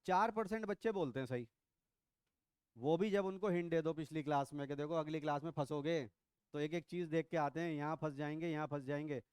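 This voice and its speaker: Middle-aged male biology teacher, high smooth voice, playful and quizzing. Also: a little fast, a little mellow, no room sound, studio quality. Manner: teasing, quizzing students, mixes English into Hindi. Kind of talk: classroom lecture. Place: classroom.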